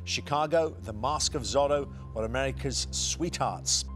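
A man hosting a television quiz show in a studio, briskly reading out questions and answer options. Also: medium pitch, soft background music.

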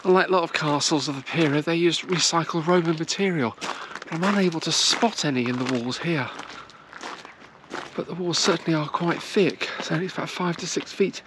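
Speaking unhurriedly and with many hesitations, a middle-aged woman travel vlogger gives walking-tour commentary at castle ruins into a camera held at arm's length. Her voice is low-pitched and her pace moderate, with outdoor noise in the background.

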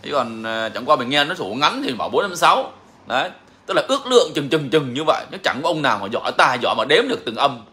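Man with a slightly high, forceful voice who hosts a casual live Q&A, emphatic and repetitive. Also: very animated, fast. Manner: emphatic, repeats phrases. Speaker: songbird breeder answering viewers.

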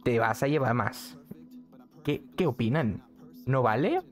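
A man's voice: medium pitch, animated, unhurried, soft background music. A young man, chatting casually on a live stream from a neon-lit bedroom, repeating phrases and reading the chat aloud. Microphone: studio mic on arm, headset.

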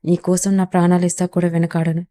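A wounded young mafia don, obsessive and devoted, pleading his love in a low, level, mellow voice, voiced by a woman storyteller. His manner stays soft and tender rather than menacing. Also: flat delivery, fast, close to an everyday voice.

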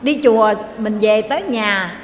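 A woman's voice: medium pitch, measured pace, a little hiss or hum. A woman Buddhist nun with a Southern Vietnamese accent, telling stories in a sermon and speaking directly to the audience. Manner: animated, addresses audience directly. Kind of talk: sermon storytelling. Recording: echoey hall, faint ambience.

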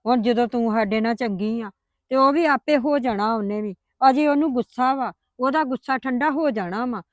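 A woman playing a patient grandmother who calmly coaxes and placates her family. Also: fairly high pitch, normal speed, dry recording, studio quality, lightly acted. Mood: coaxing. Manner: coaxing, placating. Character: patient grandmother, soothing mother-in-law. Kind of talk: family drama acting.

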